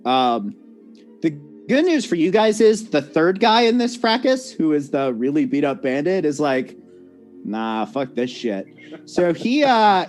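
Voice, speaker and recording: Laid-back man running a tabletop game. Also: fairly high pitch. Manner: relaxed, laughing, self-correcting. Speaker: dungeon master.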